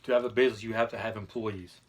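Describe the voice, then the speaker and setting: A man's voice: lowish voice, flat delivery, quick pace. A man chatting casually and giving his opinions bluntly, with some mild swearing, as a video host. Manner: blunt, mildly profane.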